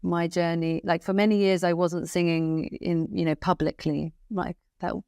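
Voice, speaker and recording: A woman's voice: lowish voice, level tone, normal speed, darkish tone, clear, resonant tone, dry recording, clean studio sound. A woman speaking as a guest musician in an interview, talking in an earnest, flowing, reflective way and often repeating and restarting phrases. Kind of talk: reflective spiritual interview talk.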